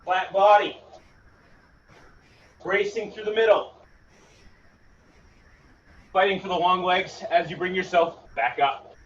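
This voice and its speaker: A man's voice: high voice, steady tone, slow pace, pauses often, a bit bright. A man in his thirties coaching a workout, calling out moves and punch combinations in short bursts like a boxing coach. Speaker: fitness coach leading a home HIIT workout. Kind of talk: live exercise instruction with short cues and counts. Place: indoor garage-style gym. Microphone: camera several metres away. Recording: distant mic, muffled, noisy gym.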